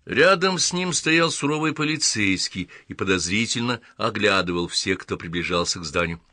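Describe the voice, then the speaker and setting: With a lowish voice, a man narrates an audiobook evenly and deliberately. There's no echo, and the studio audio is clean.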